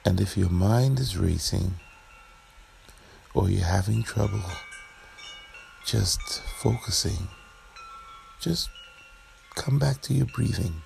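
A man leading a guided relaxation meditation in a soothing, gentle, unhurried manner with long pauses. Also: on the low side, gravelly, faint music behind.

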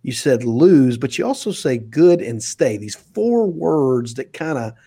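A man's voice: medium pitch, big pitch swings, a little slow, mellow, husky. A man hosting a podcast interview, earnest and emphatic, his voice jumping up to stress a point. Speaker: interview host.

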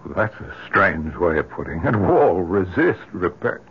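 In a vintage radio drama, a grieving, strained middle-aged American husband and father speaks in a low, husky, very animated full character voice. His halting delivery swings widely in pitch and sounds uneasy and incredulous, and the old recording is muffled.

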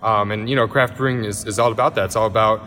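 A man in his thirties, raised in Miami, explains his brewery at a brisk clip. His speech is loose and full of fillers and restarts. A long reverb from the large tasting room trails each phrase. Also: on the low side, fairly even intonation, fairly bright tone. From Miami, Florida. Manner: rapid, with frequent fillers and restarts. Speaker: head brewer. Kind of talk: conversational interview answers.

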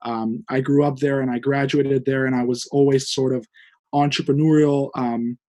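A man's voice: medium pitch, little pitch movement, normal speed, a little mellow. A man in his twenties from Hungary, a guest director of a student fund, answering thoughtfully with many fillers and hedges. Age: 20s. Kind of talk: interview.

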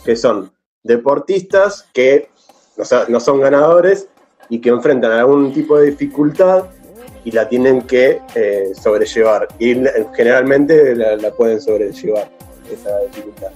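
A man's voice: medium pitch, a little slow, a little mellow, muffled recording, faint music behind. Argentine man explaining his picks. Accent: Argentine Spanish. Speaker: panelist. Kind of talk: casual group chat.

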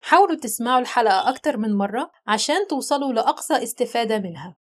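A woman with an Egyptian Arabic accent hosting an English lesson podcast, explaining clearly and drilling words by repeating them. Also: on the high side, expressive, very fast. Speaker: English teacher, podcast host.

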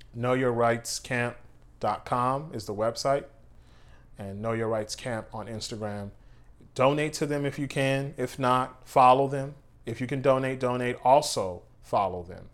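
Male co-host, mid-range voice, unhurried and deliberate, conversational but emphatic. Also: medium pitch. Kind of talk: conversational activist talk.

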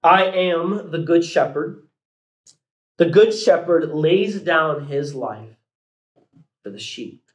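Man in his 30s preaching; high, lively pitch, emphatic with folksy asides, echoey room. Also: slow pace, pauses often. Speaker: pastor. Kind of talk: sermon. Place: church sanctuary.

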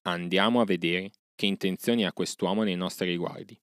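A man voicing a wise old panther who speaks in measured, mocking asides in a storybook reading. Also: deep voice, steady tone, clean tone, dry recording, studio quality. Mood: sardonic.

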